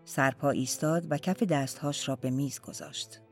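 An audiobook narrator reading a literary story in a slow, deliberate storytelling manner, at times dropping to near-whispers. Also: mid-range voice, soft background music.

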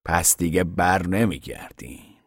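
Man doing a slow, bitter ragged drifter. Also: low voice, dry recording, studio quality. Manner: slow, quiet, drawn-out, sly. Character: bitter ragged older male drifter, mocking.

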